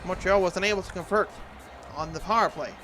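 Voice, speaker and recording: A man's voice: high-pitched, quick pace, faint music behind, natural voice. A man doing an impression of an earnest TV hockey play-by-play announcer, calling a video game in clipped present-tense phrases. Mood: focused.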